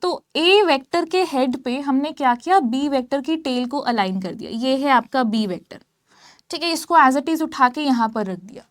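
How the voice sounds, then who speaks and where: Woman physics teacher, high voice, step-by-step explanation, keeps checking in, dry close recording. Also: lively intonation, normal speed, no room sound. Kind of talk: whiteboard lecture in mixed Hindi and English.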